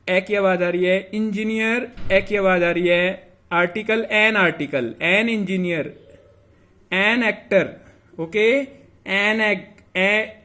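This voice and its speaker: A man teaching English grammar as a lesson, mixing English phrases into his explanation and repeating example words deliberately. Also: sits high, pushed and bright.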